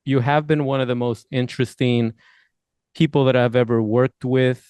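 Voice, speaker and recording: Male podcast host, smooth voice, dry close sound, rambling friendly questions. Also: medium pitch, fairly even intonation, moderate pace, a little mellow, no echo. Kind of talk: casual interview hosting.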